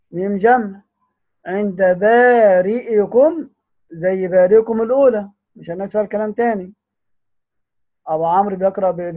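A man with an Egyptian accent teaching the Quranic readings. He draws the recited words out slowly, then explains in quick speech full of restarts. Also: sits high. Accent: Egyptian Arabic. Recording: tinny phone-like audio.

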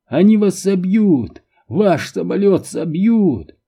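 A man voicing a hysterical male scientist who shouts in terror, in an audiobook reading. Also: sing-song, slow, gravelly, breathy edge, heavily acted. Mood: panicked. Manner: shrill frantic shouting.

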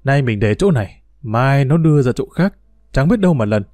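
A man's voice: mid-range voice, expressive, brisk, dark tone, dry recording, lightly acted. A man voicing a cranky, stubborn, forgetful old grandfather who grumbles and complains. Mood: grumbling. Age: older.

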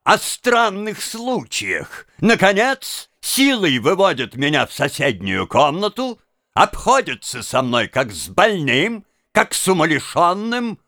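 A male audiobook reader voicing an excitable, proud Italian violinist who tells his story in theatrical, indignant outbursts. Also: fairly high pitch, takes it slowly, dry recording, studio quality, full character voice. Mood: outraged. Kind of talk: audiobook character reading.

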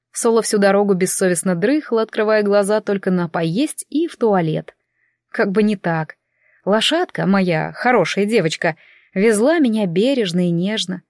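A woman narrating a fantasy novel in the first person in an even storytelling manner. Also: mid-range voice, no room sound, studio quality. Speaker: audiobook narrator.

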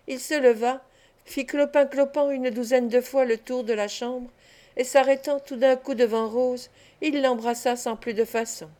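A woman narrating a classic novel as an audiobook, in a measured, expressive reading. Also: on the high side. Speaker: audiobook reader.

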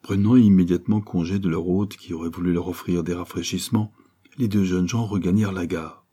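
A man narrating an adventure novel aloud in a measured, even reading. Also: low-pitched, slightly rough. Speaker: audiobook narrator. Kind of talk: scripted narration.

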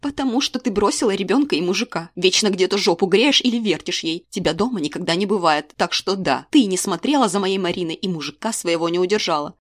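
A woman reading an audiobook, voicing a furious middle-aged friend and mother who shouts crude accusations down the phone. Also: medium pitch, animated, moderate pace, no echo, studio quality, close to an everyday voice. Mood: bitter accusing.

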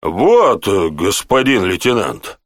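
A man voicing a rude, gap-toothed male gate guard who talks gruffly and grumbles, raised above his own voice. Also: on the low side, sing-song, takes it slowly, no echo, studio quality, full character voice. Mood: defensive.

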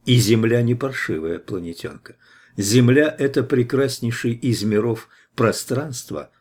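A man reading an audiobook voices a steady, tough hero who interrogates a captive in a firm, measured way. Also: medium pitch.

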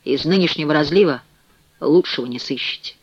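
A formal, brisk police official, as a male reader puts him on, speaking officially in a gruff but kindly way. The sound is dry and a little dull. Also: on the high side, no room sound, lightly acted. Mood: gruffly kind.

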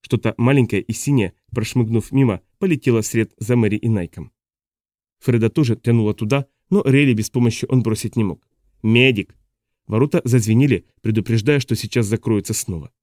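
A man reading a science fiction audiobook as narrator in a steady, even storytelling manner. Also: fairly low pitch, fairly quick, no room sound, studio quality. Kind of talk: scripted narration.

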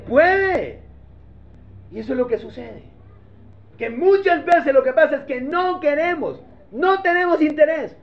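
A man preaching a sermon as pastor, emphatic and asking the congregation questions. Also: very high voice. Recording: dull lo-fi recording.

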